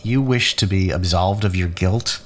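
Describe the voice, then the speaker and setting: A low, slightly bright male voice at a measured pace voices a bitter younger-brother scientist in a sci-fi audio drama. The performance is sardonic, theatrical, and erudite, its mood mocking and accusing, with faint noise and room ambience in the recording.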